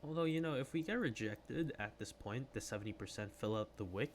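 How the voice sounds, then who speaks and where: A man hosting a live trading stream, casually walking through chart analysis and reacting to his chat in excited bursts. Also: mid-range voice, brisk, slight background noise. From Philippines. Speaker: livestream trading host.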